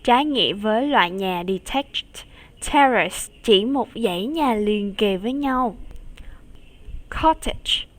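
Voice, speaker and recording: Woman, English teacher, recorded lesson, unhurried, models words for repetition. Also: medium pitch, expressive. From Vietnam. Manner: models words twice and drills sounds for pupils to repeat.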